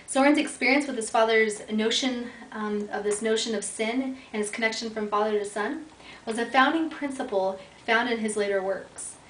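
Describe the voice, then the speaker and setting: A young American woman delivers a class presentation, reading from her notes and stumbling into ums and restarts. Her voice sits a little high. It comes from some distance off in an echoey room, with a faint hiss underneath. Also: normal speed, a bit bright. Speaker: education student. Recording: echoey room, voice from far off, faint background noise.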